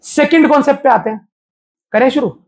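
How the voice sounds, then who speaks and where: A man's voice: extremely high pitch, brisk, a little mellow. A man teaching a physics class live to students, talking casually and often throwing questions at the class. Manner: chatty, keeps quizzing the class.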